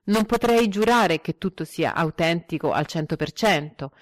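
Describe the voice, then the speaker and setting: A woman's voice: fairly low pitch, no echo. Woman reading a story, dry close sound. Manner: measured, expressive reading with lively quoted dialogue. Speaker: narrator.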